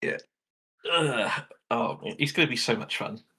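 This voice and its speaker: A man talks as a guest on a live game stream, friendly and quick to agree with his co-host. His voice has a bright, somewhat tense edge at a middle pitch. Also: expressive, husky. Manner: friendly, agreeable, laughs often. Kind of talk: casual chat while gaming.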